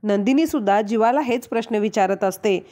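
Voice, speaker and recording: A woman narrating a recap of a TV serial episode in steady storytelling, quoting each character inline. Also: medium pitch, normal speed. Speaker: channel narrator.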